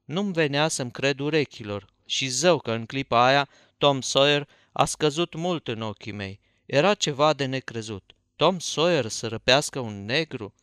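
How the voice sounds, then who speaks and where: A man reading a novel aloud in a folksy, even first-person narration. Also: mid-range voice, smooth, no echo, clean studio sound. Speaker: audiobook narrator.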